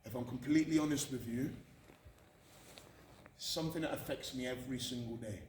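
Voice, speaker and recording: Speaking briskly in a medium-pitched, slightly mellow voice, a British man gives students a candid, emphatic motivational talk at a college, repeating phrases for effect. Captured from a distance in an echoey indoor room, the audio has faint noise.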